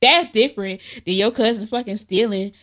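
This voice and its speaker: A woman's voice: mid-range voice, moderate pace, fairly bright tone. A woman co-hosting a podcast, chatting casually in a blunt, profane way and laughing often. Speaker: podcast co-host. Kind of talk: casual chat.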